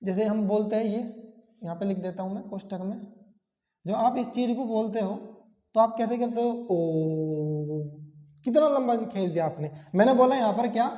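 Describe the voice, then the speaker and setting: Here a man with a high, warm voice moves briskly through an exam-focused grammar class. He keeps repeating important terms and asking rhetorical questions, and the recording has a lo-fi, echoey, dull classroom quality.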